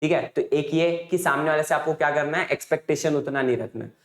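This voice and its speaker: Speaking fast in a mid-range voice, this teacher runs an exam revision lesson, recounting a chapter's story casually and asking rhetorical questions again and again. There's a roomy echo on the recording.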